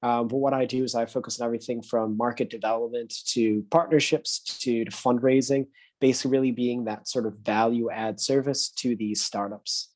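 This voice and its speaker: A man from the United States, a consultant, introducing himself in a relaxed, steady way with many ums. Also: medium pitch, brisk. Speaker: guest consultant. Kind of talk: casual self-introduction.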